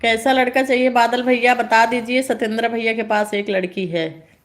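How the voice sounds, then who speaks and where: A woman's voice: a little high, steady tone, moderate pace, slight background noise. A woman hosting a casual live stream, greeting viewers and teasing them with frequent laughter. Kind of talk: casual live-stream chat reading comments.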